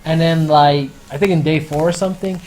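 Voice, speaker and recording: A man casually reviewing a story in a rambling, profane, excitable way. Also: on the high side, brisk. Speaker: anime and manga reviewer.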